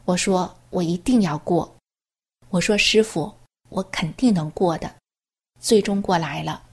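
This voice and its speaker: Husky-voiced woman reading a testimony. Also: lowish voice, a little slow, darkish tone. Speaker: reader of a personal testimony. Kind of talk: read-aloud first-person testimony.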